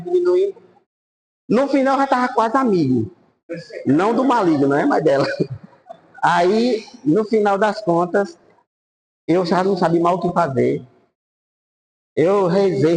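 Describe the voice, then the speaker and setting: Man, priest, lively storytelling, highish voice. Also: a little hiss or hum, poor audio. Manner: animated anecdotes, voice rising and falling. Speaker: priest teaching a Bible course.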